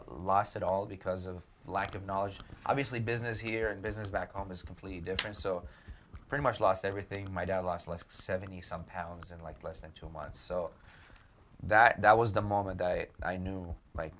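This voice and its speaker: A man's voice: deep voice, steady tone, a little fast, fairly bright tone. A man from Iraq, a guest telling his story in a candid, matter-of-fact way with joking asides. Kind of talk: casual interview storytelling. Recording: faint background noise.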